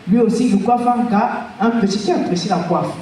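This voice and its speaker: High-voiced comedian shouting in an echoey hall. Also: male voice, brisk, slight background noise. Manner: animated storytelling, often shouting punchlines. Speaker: stand-up comedian. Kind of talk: stand-up comedy routine. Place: festival stage before a live audience. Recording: echoey hall recording from far off.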